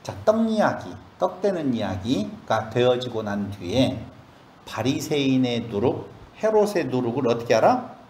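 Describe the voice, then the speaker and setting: A man's voice: medium pitch, sing-song, normal speed, a little mellow, echoey room, slight background noise. A male pastor leading a Bible study sermon, asking the congregation questions as he explains the passage. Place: church.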